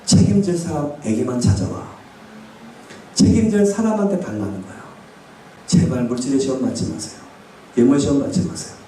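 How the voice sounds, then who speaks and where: Animated man preaching in an echoey church. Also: medium pitch, slight background noise. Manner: animated, asks the congregation questions and acts out quoted speech. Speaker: pastor. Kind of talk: sermon. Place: church sanctuary. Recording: echoey church hall, distant mic.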